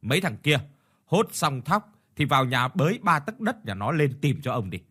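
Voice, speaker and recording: A vicious landlord in an audio ghost story snarls and shouts at the poor families in his debt, put on by a male narrator. The voice is husky and rough, and it lurches up in pitch with each bark of rage. He never softens. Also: very animated, normal speed, full character voice. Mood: furious. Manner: shouting, hissing threats. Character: cruel bullying rich landlord, man, hot-tempered.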